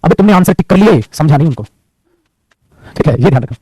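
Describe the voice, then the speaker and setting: A high-voiced male teacher talks fast and swoops up and down as he lectures. His voice is a bit husky and sits close and dry on the mic. He teases and scolds his students as he goes. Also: expressive, darkish tone, no room sound, low-quality recording. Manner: scolding, teasing, calls students beta. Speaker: English grammar teacher. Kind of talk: classroom lecture in Hindi mixed with English.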